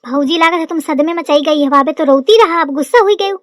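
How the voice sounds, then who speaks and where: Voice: high voice, a little fast, no echo, studio quality, natural voice. एक कलाकार द्वारा छेड़ने वाला देवर Kullu. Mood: teasing. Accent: Kanpuri rural Hindi. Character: cheeky young village man, brother-in-law Kallu.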